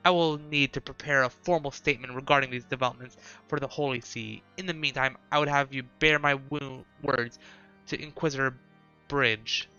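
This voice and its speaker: A man's voice: medium pitch, steady tone, normal speed, pushed and bright, clear, resonant tone, highs cut off, faint music behind. A man reading aloud the formal, solemn lines of a house official in a video game.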